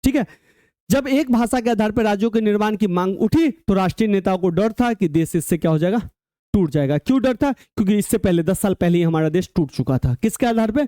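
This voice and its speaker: High-pitched male teacher, lively questions. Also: fairly quick, no room sound, clean studio sound. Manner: keeps checking students follow with rising questions. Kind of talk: classroom lecture.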